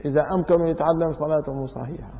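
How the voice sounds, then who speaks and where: A man's voice: a little high, fairly even intonation, rapid-fire, gravelly, slight background noise. Man teaching in an echoey hall. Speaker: religious teacher. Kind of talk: religious law lesson. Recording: echoey hall over a tinny phone-like line.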